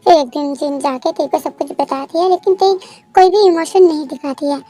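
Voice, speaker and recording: A woman's voice: high voice, fairly quick, dark tone. A woman narrating a fan story in a chatty, casual voice-over, explaining things directly to her viewers.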